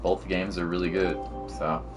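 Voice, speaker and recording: His voice sits low, barely moving in pitch, at a moderate pace over music. The man is a game streamer whose livestream chat and gameplay commentary are casual, slangy and sprinkled with mild swearing.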